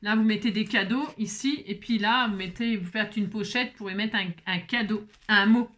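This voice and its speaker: A woman's voice: medium pitch, moderate pace, fairly bright tone. A middle-aged woman chatting casually through a crafting tutorial, rambling, restarting and stammering, with self-mocking asides. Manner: stutters and restarts often. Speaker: craft vlogger.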